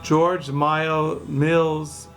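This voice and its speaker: Gravelly man in his sixties, rambling. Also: a little high, level tone, fairly bright tone, soft background music. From California, USA. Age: 60s. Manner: digressive, halting, with many fillers and restarts. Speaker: book vlogger. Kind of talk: rambling casual monologue. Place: dining room at home. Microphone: camera mic.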